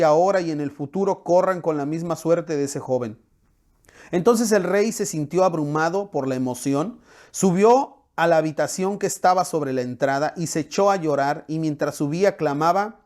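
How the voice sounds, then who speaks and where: A man's voice: on the high side, darkish tone. A man with a Mexican Spanish accent, a pastor reading scripture expressively and then explaining it with spoken fillers. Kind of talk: sermon with Bible reading.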